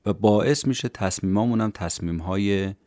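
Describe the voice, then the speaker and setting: A man hosting a podcast, calmly summarizing a book for listeners in scripted narration. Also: on the low side, no room sound, clean studio sound. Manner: calm, explanatory, addresses listeners directly. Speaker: podcast host summarizing books.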